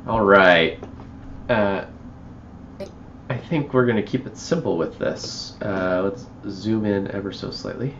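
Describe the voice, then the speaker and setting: A man walking viewers through a video edit on a livestream, thinking aloud and trailing off into quiet mutters as he works. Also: on the low side, slow pace, long pauses, lo-fi sound, slight background noise. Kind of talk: live editing walkthrough.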